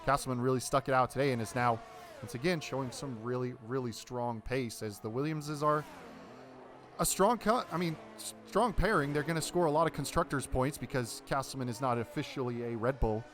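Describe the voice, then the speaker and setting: A man's voice: mid-range voice, fairly quick, fairly bright tone, soft background music. A man giving colour commentary on a sim race, analytical and loose, often padding with fillers.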